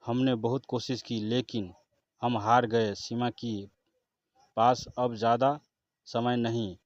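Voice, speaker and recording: A man's voice: medium pitch, little pitch movement, takes it slowly, no echo, lightly acted. Grave weary doctor, read by a man. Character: weary doctor delivering bad news. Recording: dull lo-fi recording with faint guitar.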